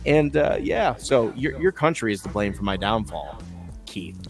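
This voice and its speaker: Brief: man co-hosting a casual live stream, low voice, animated storyteller, faint music underneath. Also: moderate pace, vocal fry. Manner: animated storyteller, jumps high for quoted voices. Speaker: co-host.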